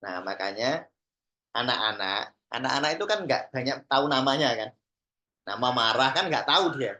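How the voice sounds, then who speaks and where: A Sufi teacher who trains therapists speaks with a Javanese accent in a medium-pitched, bright, forceful voice, with lively intonation and a moderate pace. He gives a class an informal, conversational teaching talk, slipping in Javanese phrases and acting out little example dialogues.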